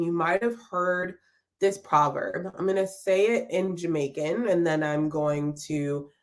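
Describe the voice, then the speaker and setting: Low-voiced woman hosting a live podcast. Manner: warm and encouraging, reflective, with frequent ums. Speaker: podcast host. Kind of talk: live-streamed podcast talk.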